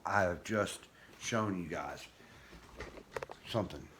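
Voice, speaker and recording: Deep-voiced, toothless older man. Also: slow pace, faint music behind. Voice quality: toothless, soft-edged diction. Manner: self-deprecating, folksy. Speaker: guitar vlogger. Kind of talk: casual rambling vlog chat. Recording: clear background noise, room ambience.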